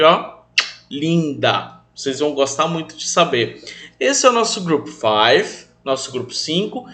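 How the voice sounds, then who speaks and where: A young Brazilian man teaching English to children online, calling his pupils affectionate names and drilling new words slowly for them to repeat. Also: fairly high pitch, fairly bright tone. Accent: Brazilian Portuguese. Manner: affectionate, calls pupils "meus amores", speaks of himself as "tio".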